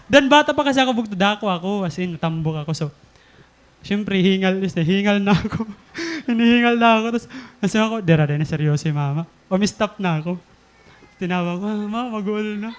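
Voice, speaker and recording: Young filipino guy preaching, telling a story with lots of laughs, pretty high voice. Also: clear, resonant tone. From Philippines. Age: 20s. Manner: animated, laughing often while telling a childhood story. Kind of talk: storytelling sermon.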